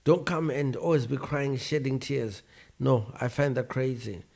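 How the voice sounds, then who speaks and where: A man's voice: mid-range voice, measured pace, creaky, a little mellow. A man giving casual, frank, opinionated commentary on online personalities, often breaking into exclamations. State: tired, yawning. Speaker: online commentator reviewing YouTubers.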